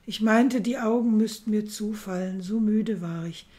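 A woman's voice: medium pitch, moderate pace, dark tone, natural voice. A woman reading the part of a lovelorn emperor who pleads and calls for his vanished beloved. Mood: tender. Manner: pleading, rising to anxious calls. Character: lovelorn emperor calling for his lost dream lover.

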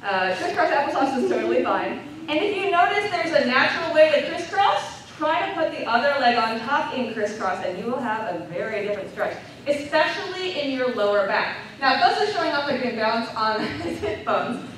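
Casting: calm female yoga instructor, bright high voice, far from the mic in a huge echoing hall, faint background hiss. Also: fairly quick, hardly any pauses. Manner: calm step-by-step cueing. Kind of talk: live class instruction. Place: large convention hall. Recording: echoey hall, distant mic.

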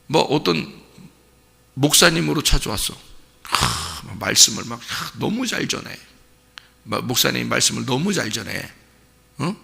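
Gravelly pastor preaching in a church. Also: male voice, medium pitch, a little slow, long pauses. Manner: animated, vivid storytelling with direct questions to the congregation. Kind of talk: dawn service sermon. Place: church sanctuary. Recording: long church reverb.

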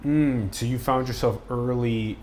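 A young man hosting an interview, asking loose, relaxed follow-up questions from a sofa. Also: mid-range voice, a little slow, slight background noise. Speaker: podcast host, interviewer. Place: living room, on a sofa.

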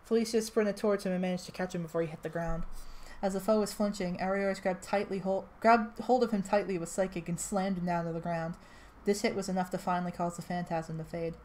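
A woman reads a fan story aloud in a lowish voice, casual and unpolished, stumbling and correcting herself as she goes. A faint hiss sits behind her. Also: fairly even intonation, brisk, darkish tone. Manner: casual, with restarts and asides. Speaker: reader. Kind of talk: amateur fan-fiction read-aloud.

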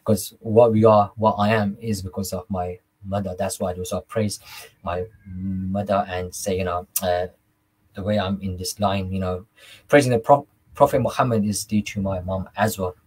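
Husky, low-voiced young man. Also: steady tone, normal speed, darkish tone, low-quality recording. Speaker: interview guest, devotional singer. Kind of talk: interview conversation. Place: small room indoors on a video call.

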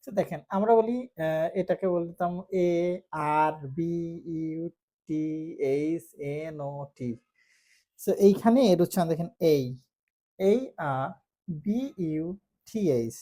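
Mellow-voiced woman teaching English pronunciation. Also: fairly low pitch. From Bangladesh. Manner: explains slowly, repeats sounds to demonstrate. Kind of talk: casual lesson.

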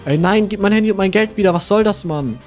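A man's voice: high-pitched, fast, soft background music. A man hosting a gaming channel, playing himself in a role-play with a whiny, complaining way of talking. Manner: whiny and complaining, keeps saying "Mann" and "Bro". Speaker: gaming channel host playing his own character. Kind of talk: casual game role-play.

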